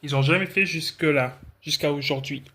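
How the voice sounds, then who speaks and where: Young French food vlogger, chatty and rambling, lightly raised pitch, self-corrects constantly. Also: male voice, normal speed, bright, forceful tone, slight background noise. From France. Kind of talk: casual tasting vlog.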